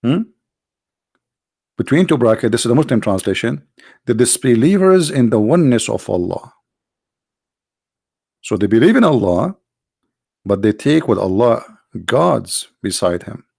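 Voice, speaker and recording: Gravelly, tired-voiced man lecturing. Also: mid-range voice, big pitch swings, a little mellow, no room sound, studio quality. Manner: emphatic, rhetorical questions, halting restarts. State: tired, strained voice. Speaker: religious apologist. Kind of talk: lecture on scripture.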